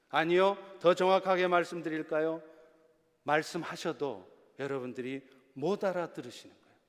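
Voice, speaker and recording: A man preaching a sermon as a pastor in a church, swinging between loud, emphatic passages and hushed, soft ones. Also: high-pitched. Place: church sanctuary. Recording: long reverb of a church hall.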